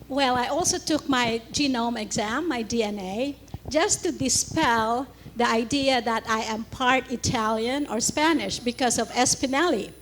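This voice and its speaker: Woman, from the Philippines, conference co-presenter, clear measured delivery, fairly high pitch. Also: fairly bright tone, a little hiss or hum, poor audio. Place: seminary conference hall.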